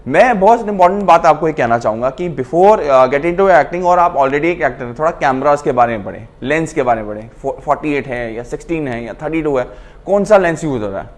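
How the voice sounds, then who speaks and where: A man's voice: on the high side, lively intonation, a little fast. A man teaching acting to camera, explaining in a casual mix of Hindi and English and acting out lines to show his points. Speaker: acting coach.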